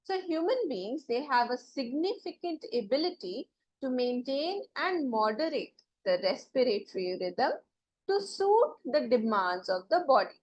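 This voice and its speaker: A woman's voice: high-pitched, big pitch swings, a little slow, darkish tone, lo-fi sound. A woman teacher giving a classroom lecture, explaining step by step and often checking that students follow. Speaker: biology teacher.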